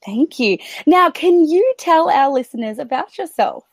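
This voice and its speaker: A woman's voice: high voice, expressive, a little slow, dry recording. Upbeat, effusive woman podcast host. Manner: effusive, enthusiastic. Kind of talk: conversational interview.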